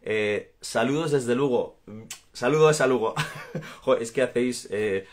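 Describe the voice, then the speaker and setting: Speaking from a small room at home, a man in his thirties from Andalusia, Spain, with a matching accent, is an actor answering fans on a live stream, reading viewer comments aloud. He's warm and chatty, laughs often, and gestures as he talks, his mid-range voice a little slow. A phone or webcam held at arm's length picks him up.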